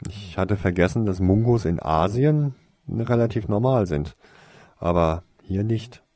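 A man voicing a calm, easygoing young wizard boy with a dry manner. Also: lowish voice, a little slow, dry recording. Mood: relaxed. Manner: relaxed, dry.

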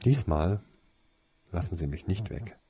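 A man voicing a calm, easygoing young wizard boy with a dry manner. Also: sits low, measured pace, breathy edge, no echo, heavily acted. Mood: relaxed. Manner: relaxed, dry.

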